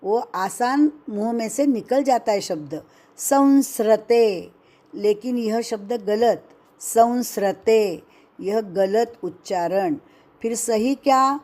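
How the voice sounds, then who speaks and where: Woman teaching chant pronunciation super slow, higher voice, repeats every syllable. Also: a little mellow. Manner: drills syllables one by one, repeating each word. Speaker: Sanskrit recitation teacher.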